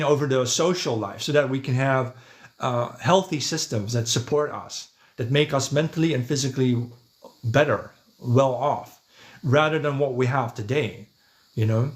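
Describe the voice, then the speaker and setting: On a casual livestream, a man from the Netherlands whose first language is Dutch speaks in a mid-range voice. As a podcast host and livestreamer, he works through chat comments in a conversational monologue, musing aloud and adding "right?" and "yeah".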